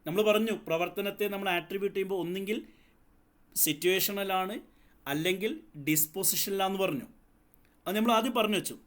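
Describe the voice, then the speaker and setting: A man's voice: sits high, fairly quick, long pauses, a bit bright. Man, psychology tutor, explains step by step, asks questions. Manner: explains step by step, asks the class questions, mixes in English terms. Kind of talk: lecture.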